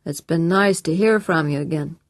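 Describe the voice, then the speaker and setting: A woman's voice: low voice, normal speed, dry recording, clean studio sound. A woman voicing a cool, guarded man who answers in clipped, polite phrases. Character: cool, guarded adult man under threat.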